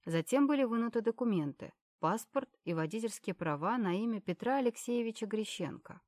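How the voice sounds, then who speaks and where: A woman narrating an audiobook in an even storytelling manner. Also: on the high side, brisk, dry recording.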